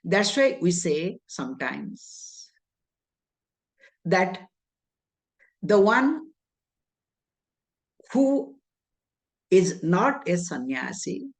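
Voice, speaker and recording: Her voice sits on the low side and swings widely in pitch as she gives a scriptural talk in Indian-accented English. A spiritual teacher, she speaks with deliberation, brings in Sanskrit terms and responds to her own rhetorical questions.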